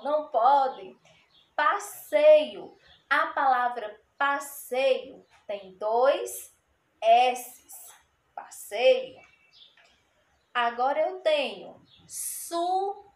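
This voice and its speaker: A woman's voice: high voice, animated, very slow. A woman teacher giving a spelling lesson to children, saying each word twice and explaining it patiently. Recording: echoey room.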